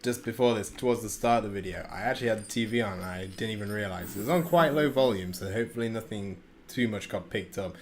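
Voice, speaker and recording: A man's voice: lowish voice, fast, few pauses, slight background noise. A young man giving casual commentary over a card game he is playing at home, chatty and self-deprecating, with plenty of ums and restarts. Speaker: gaming channel host. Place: home room. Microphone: desk microphone.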